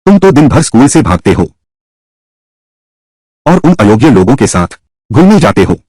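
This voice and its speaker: A man's voice: mid-range voice, big pitch swings, moderate pace, darkish tone, no echo. A man voicing a stern, angry middle-aged father who scolds harshly in a dubbed drama. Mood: scolding.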